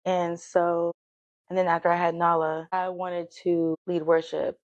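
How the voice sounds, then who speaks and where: A woman guest telling her life story in a casual, animated way, her voice jumping high when excited. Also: a little slow, lo-fi sound.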